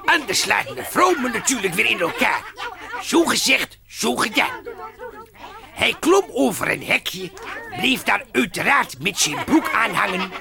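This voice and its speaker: Woman storyteller, gravelly and slow, lively pitch, mock bedtime story with music behind. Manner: gleeful, crude, often laughing. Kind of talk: mock children's story narration.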